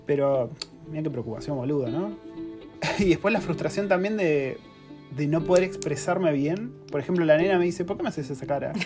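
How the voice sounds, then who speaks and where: A man's voice: a little high, normal speed, music in the background. A man in his thirties with a Rioplatense Spanish accent, telling a story in a casual, slangy, self-mocking way as a podcast co-host. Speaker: podcast co-host, course creator. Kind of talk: casual chat.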